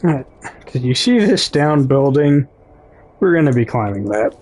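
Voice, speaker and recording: A man's voice: medium pitch, big pitch swings, normal speed, a little mellow, husky. Chatty Midwestern man narrating gameplay. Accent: Midwestern American. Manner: chatty, self-correcting, talks to viewers. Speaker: gaming YouTuber. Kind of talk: casual gameplay commentary.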